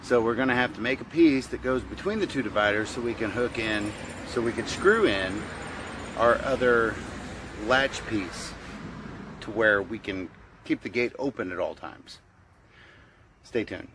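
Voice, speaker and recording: A man's voice: fairly low pitch, noisy background. A man hosting a do-it-yourself video, narrating casually with fillers and stumbles, outdoors on his deck. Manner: halting, with fillers and a stutter. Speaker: DIY video host. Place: outdoors on a house deck by a street.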